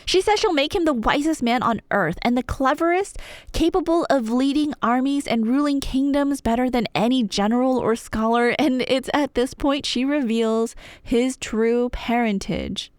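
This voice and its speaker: An ASMR roleplay storyteller retells a scripted myth in a casual, chatty way, adding playful, wry asides. Her voice is fairly high-pitched, and the recording is dry and clean, with studio sound.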